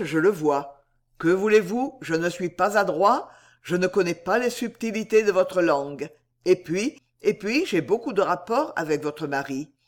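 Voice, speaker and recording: A man voicing an earnest, plain-spoken English gentleman who speaks insistently to his cousin in a storybook reading. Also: high voice, heavily acted.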